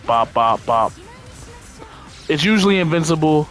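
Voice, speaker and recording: A man giving casual gameplay commentary in a laid-back, slangy, profane way, rambling and thinking out loud as he plays. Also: fairly high pitch, expressive, a little slow, soft background music. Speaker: game streamer.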